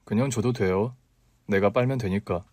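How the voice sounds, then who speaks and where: A man's voice: lowish voice, moderate pace, dry recording, voice pushed down, natural voice. Brief: man as an unruffled young guy, level delivery, dry close sound. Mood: calm. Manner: calm, matter-of-fact replies. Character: calm, persistent young man. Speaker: story reader.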